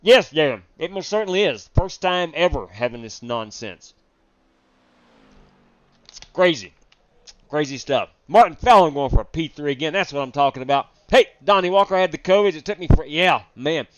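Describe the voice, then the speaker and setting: A man's voice: fairly high pitch, expressive, moderate pace, no echo. Guy streaming sim races while sick, kinda drained, chatting w/ chat, muffled dry mic. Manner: chatty, greets viewers from chat, rambling with fillers. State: sick, feeling weak and drained. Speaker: sim racing live stream host. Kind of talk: casual live stream chat. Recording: dull, lo-fi dry stream audio.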